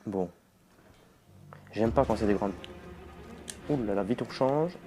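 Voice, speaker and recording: A man's voice: fairly low pitch, slow, warm tone, a little hiss or hum. A young man giving jumpy, swearing let's play commentary to his viewers. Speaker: gamer.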